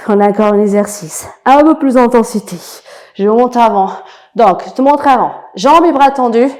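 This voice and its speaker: A woman leading an abs workout class, counting repetitions and giving short, brisk, encouraging cues. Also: fairly high pitch, mellow. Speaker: fitness coach. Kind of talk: guided workout instruction.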